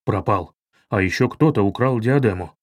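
Man doing a gruff gang boss, low voice, blunt, heavy sighs. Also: normal speed, no room sound, studio quality, natural voice. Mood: worried. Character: red-haired gang leader, gruff young man.

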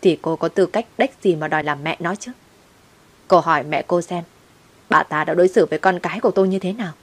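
A woman's voice: fairly low pitch, brisk, breathy edge. A woman voicing a bitter, blunt man who is out of prison and speaks with scorn. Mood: scornful. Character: bitter man out of prison, sharp-tongued father.

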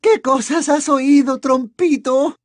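A man's voice: very high-pitched, unhurried, no echo, studio quality, pitched above the performer's own voice. A man doing a prim, nervous aunt. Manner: thin, faltering voice. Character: prim nervous middle-aged aunt, woman.

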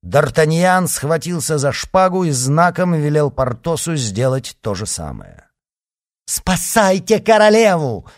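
Male audiobook narrator, dramatic, very lively pitch, dry close recording. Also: measured pace, no echo. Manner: expressive, dramatic.

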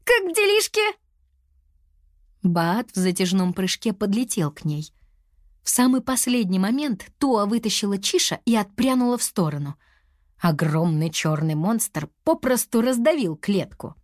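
A woman narrating a children's storybook, reading in an expressive, animated manner. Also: medium pitch, moderate pace, no echo, clean studio sound.

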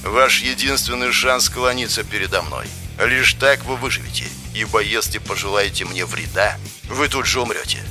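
A man voicing a slow, low-voiced robed entity. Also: over music, lightly acted. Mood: cold. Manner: slow, commanding, solemn. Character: eerie robed male entity demanding submission. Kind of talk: audiobook character voice.

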